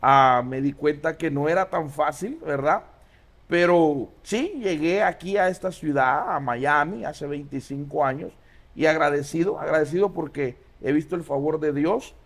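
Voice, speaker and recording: A man speaks as a pastor being interviewed, his voice sitting a little high for a man. He tells his story reflectively, pausing often and filling gaps with soft hesitations. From Honduras. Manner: reflective storytelling, many pauses and "eh" fillers. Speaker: pastor, guest. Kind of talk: casual interview.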